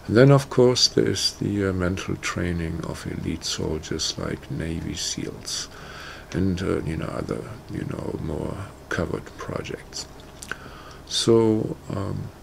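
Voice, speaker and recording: A man introducing a guided meditation in a casual, halting way, full of "you know" and "uh". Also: deep voice, gravelly, a little hiss or hum. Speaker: meditation teacher. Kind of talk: casual spoken talk.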